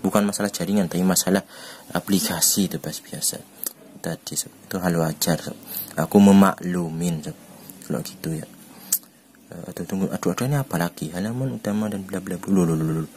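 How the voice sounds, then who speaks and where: An Indonesian man rambles chattily through an online shopping tutorial as he walks through the screen, saying "sob" constantly. His voice sits low and moves fairly quickly with a slightly mellow tone, over a little hiss or hum.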